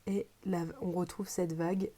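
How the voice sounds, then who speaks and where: A woman's voice: lowish voice, little pitch movement, moderate pace, dark tone, slightly rough. A woman with a French accent casually presenting an unboxing as a reviewer, hesitant and often searching for her words. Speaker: tarot deck reviewer.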